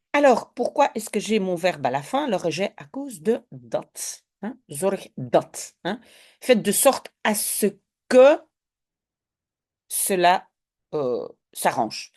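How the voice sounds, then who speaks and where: A woman's voice: mid-range voice, darkish tone. A woman with a Belgian French accent, a language teacher patiently explaining a Dutch reading step by step to French speakers.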